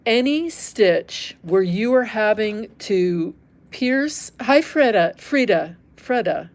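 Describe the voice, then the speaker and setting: A middle-aged American woman from Northern California demonstrates embroidery live, candid and chatty, voicing her thoughts as she works with her hands. She speaks slowly at a medium pitch with lively intonation.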